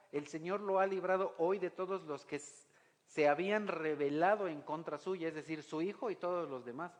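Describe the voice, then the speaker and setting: A man's voice: fairly high pitch, long reverb tail. A man preaching a sermon, asking the congregation rhetorical questions and reading scripture aloud. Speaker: pastor.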